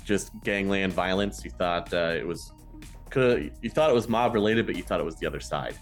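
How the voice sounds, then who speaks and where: A man running a tabletop role-play as game master, easygoing and a bit halting as he speaks. His voice is deep, with faint music underneath.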